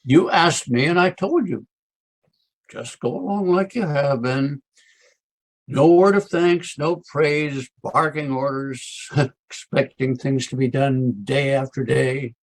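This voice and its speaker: Guy doing crusty old west doc, american, raspy, wry and scolding, radio drama. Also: medium pitch, takes it slowly. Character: crusty, outspoken, needling frontier town doctor. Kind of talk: western radio drama acting.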